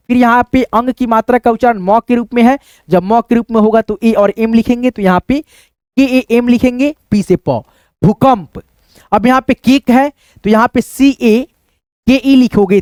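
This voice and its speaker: A man's voice: very high-pitched, darkish tone, no room sound, clean studio sound. A male teacher giving a patient, step-by-step spelling lesson, checking in often with his students as he writes and explains. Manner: patient, repeats "ok" and "friends" as he goes; thinks aloud while writing on a board or screen. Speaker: English teacher.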